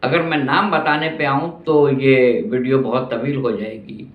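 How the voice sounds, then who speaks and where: An older man from Pakistan, reminiscing in a slow monologue and repeating phrases for emphasis. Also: medium pitch, fairly even intonation. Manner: slow, reflective, repeats phrases for emphasis, grows indignant about prices. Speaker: vlogger reminiscing about his city. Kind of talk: nostalgic monologue. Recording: roomy, dull lo-fi sound.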